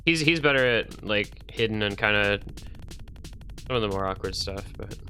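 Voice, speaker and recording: Give me a young man with a bright voice, excitably commentating a match. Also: on the low side, soft background music. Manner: teasing, quick reactions, excitable. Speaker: tournament commentator. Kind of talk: casual esports commentary.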